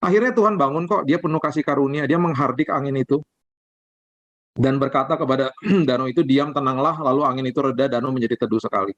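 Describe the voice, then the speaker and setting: A man, a pastor, preaching a sermon in colloquial, lively storytelling style. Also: mid-range voice, quick pace, no room sound, lo-fi sound. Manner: colloquial, animated storytelling, acts out quotes.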